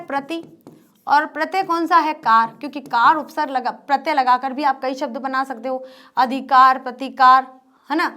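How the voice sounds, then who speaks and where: High-voiced woman teaching a lesson. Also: a bit bright. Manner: asks questions and answers them herself; repeats key terms. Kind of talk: exam-prep grammar lesson.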